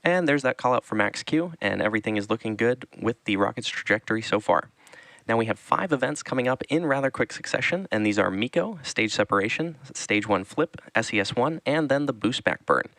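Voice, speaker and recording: A man giving live explanatory launch commentary as a webcast host, measured and informative. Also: medium pitch, animated, vocal fry, a bit bright, no echo, rough recording.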